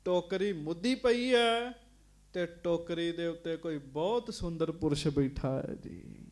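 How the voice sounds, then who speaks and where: A woman's voice: lowish voice, measured pace, darkish tone. A woman giving a Sikh katha sermon, explaining scripture verse by verse and calling out to the congregation. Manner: acts out a heroine's angry cries in the story. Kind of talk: Punjabi religious storytelling sermon.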